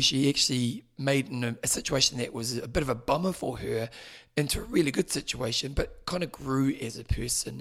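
A man hosting a podcast, chatting casually and rambling a little, slightly hoarse from losing his voice. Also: mid-range voice. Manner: rambling, chatty, self-correcting. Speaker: podcast host. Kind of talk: casual podcast intro and interview.

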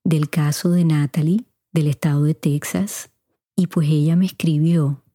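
A middle-aged woman from Puerto Rico, her Spanish accent mostly neutral, hosts a podcast from a home recording room and answers listener questions, chatting unhurriedly and speaking straight to them. She has a low, steady, mellow voice, and her studio mic gives a dry, clean recording.

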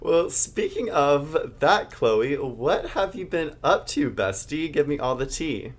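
A young man co-hosting a podcast, chatting casually in a campy, gushing, slangy way with drawn-out words. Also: on the high side, big pitch swings. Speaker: podcast co-host. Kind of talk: casual chat.

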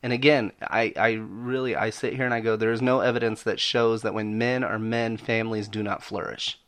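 A man's voice: fairly low pitch, steady tone, brisk, fairly bright tone. Emphatic American man hosting a podcast. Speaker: podcast host.

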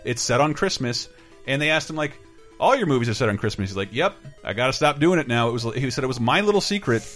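A man's voice: mid-range voice, expressive, fast talker, a bit bright, faint music behind. A man hosting a podcast in casual chat, rambling and enthusiastic, swearing freely. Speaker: podcast host.

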